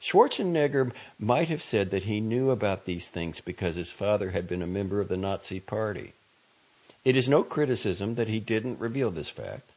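A man narrating a magazine article in a slow, deliberate, grave manner. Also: on the low side, darkish tone, highs cut off. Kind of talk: measured audio article narration.

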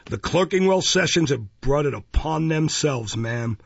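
A man's voice: a little high, expressive, measured pace, creaky, slightly rough, no echo, lo-fi sound, full character voice. A man voicing a pompous, self-important male parish beadle who speaks in a stately, puffed-up way. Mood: menacing.

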